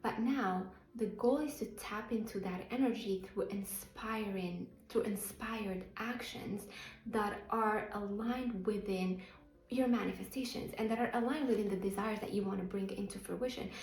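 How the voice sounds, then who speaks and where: Speaking at medium pitch and normal speed with a darkish tone, a woman from Morocco coaches her channel's viewers in an earnest, emphatic self-help talk. Her Moroccan accent comes through over a roomy echo and faint background music.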